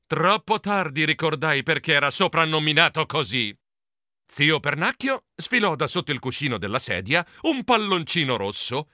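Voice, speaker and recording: A man reading a children's storybook aloud in a playful, animated way. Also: on the high side, dry recording, clean studio sound. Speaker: audiobook narrator.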